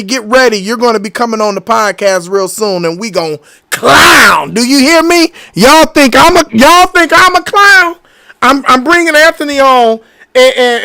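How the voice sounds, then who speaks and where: A man's voice: very high-pitched, sharp tone. A man hosting a podcast, talking casually and earnestly with viewers and reading their comments, often repeating himself. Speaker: podcast host. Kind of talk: casual live-stream talk reading comments.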